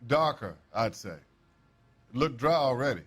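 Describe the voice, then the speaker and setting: An actor playing a plain-spoken, defensive American railway worker questioned as a witness in a period crime game. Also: male voice, mid-range voice, lively intonation, moderate pace, fairly bright tone, husky. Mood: guarded. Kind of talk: acted crime drama dialogue.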